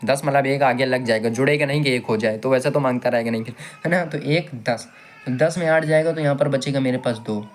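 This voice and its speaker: A man with a medium-pitched voice talks fairly quickly as he teaches maths step by step. He's patient, going over each step again and asking the class questions.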